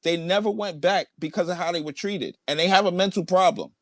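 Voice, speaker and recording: A combative man in a heated online debate, voice sitting a touch high. He presses his points hard, repeats himself and swears freely. The sound is dry and close, with almost no room echo. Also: a little fast. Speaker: debate participant. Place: large room at home.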